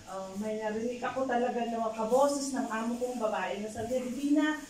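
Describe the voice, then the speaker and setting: A woman with a somewhat high voice tells her own story in a casual, halting way, full of fillers and restarts. She sounds set back from the mic, in a strongly echoing room with a faint hiss behind her. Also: steady tone, a little mellow. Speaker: domestic helper telling a personal story. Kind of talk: casual testimony. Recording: echoey room, distant mic, faint noise.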